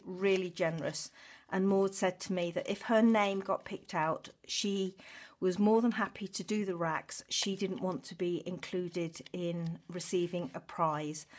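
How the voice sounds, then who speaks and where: A woman hosting a craft channel, chattily announcing giveaway prize winners in an informal, self-mocking and gushingly thankful way. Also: medium pitch. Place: indoors at a craft table.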